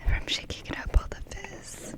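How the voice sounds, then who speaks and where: A woman whispering in a casual, chatty way as an ASMR host, close to the microphone. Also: moderate pace. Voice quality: whispering, unvoiced.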